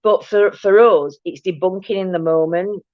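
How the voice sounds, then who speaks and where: This paranormal chat host talks casually over her live stream, reading comments from viewers in a loud, booming voice at normal speed and with fairly even intonation. Rambling and restarting, she often asks "do you know what I mean"; the echo-free audio is dull, dry and low-fi.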